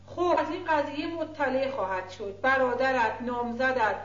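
A woman's voice: high-pitched, reverberant, lo-fi sound, close to an everyday voice. A woman reading the part of a stern older woman guardian with a harsh, scolding manner. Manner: scolding, commanding.

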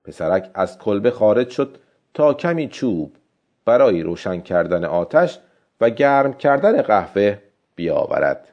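A man reading a story aloud as an audiobook narrator in a measured, expressive way. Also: on the low side, lo-fi sound.

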